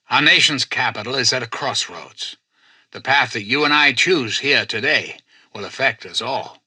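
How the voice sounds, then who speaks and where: A male actor playing a self-styled president in a video game, a calculating artificial intelligence who speaks in formal, measured, persuasive oratory. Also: medium pitch, pushed and bright, breathy edge, dry recording, full character voice. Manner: grandiose, measured, courteous, persuasive. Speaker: president addressing personnel and listeners.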